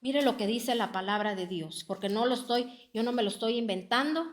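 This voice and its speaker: A woman's voice: on the high side, a little fast, a little hiss or hum. A woman preaching a sermon, earnest and pleading, often calling out to her brothers and sisters.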